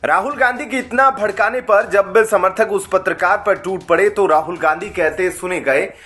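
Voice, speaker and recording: A man reading a scripted news voice-over in a steady, formal newsreader manner. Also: high voice, moderate pace. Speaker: news narrator.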